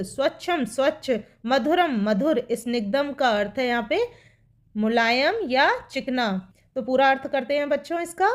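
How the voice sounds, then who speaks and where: A woman teacher patiently explaining a poem to children line by line, repeating each meaning. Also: high voice.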